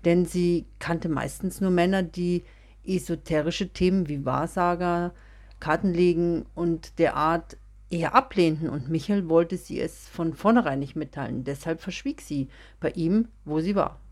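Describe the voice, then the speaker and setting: A woman narrating a serialized German audio story in a calm, even reading voice. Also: lowish voice, measured pace. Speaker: podcast storyteller.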